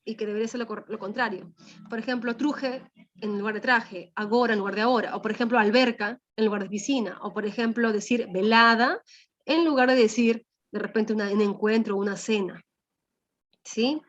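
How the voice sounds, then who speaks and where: A woman teacher lectures her class on a language lesson, frequently checking in with students through tag questions. Her voice is fairly high and a little fast, and the recording has a dull lo-fi sound.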